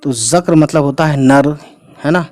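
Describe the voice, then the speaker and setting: A man's voice: fairly high pitch, moderate pace, darkish tone. Man teaching spelling patiently. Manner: explains patiently, often adds "thik hai" and "you know". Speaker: Urdu teacher. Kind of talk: spoken language lesson for Hindi speakers.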